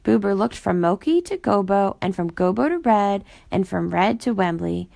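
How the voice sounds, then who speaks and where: A woman reads a children's storybook aloud in a gentle, even storytelling voice. Her tone has a gravelly fry running through it. The recording is dry and close to the mic. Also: medium pitch, moderate pace, dry recording. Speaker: storybook reader.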